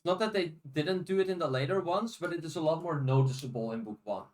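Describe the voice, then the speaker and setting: Talking fast in a fairly high voice, this podcast co-host discusses audiobooks casually, a strong room echo surrounding him. He comes across as hesitant, frequently repeating his opening words while working toward a point.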